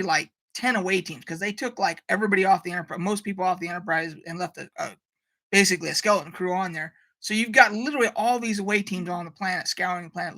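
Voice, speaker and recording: A woman's voice: mid-range voice, bright, forceful tone. A woman hosting a casual live stream, ranting animatedly, swearing freely and reading out viewer comments. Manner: reads out viewer chat comments.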